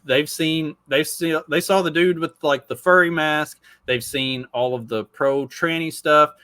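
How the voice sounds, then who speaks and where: Forceful, foul-mouthed man in his forties. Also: a little high, unhurried, no echo. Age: 40s. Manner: profane, rambling, many restarts. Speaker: podcaster. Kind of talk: casual podcast chat.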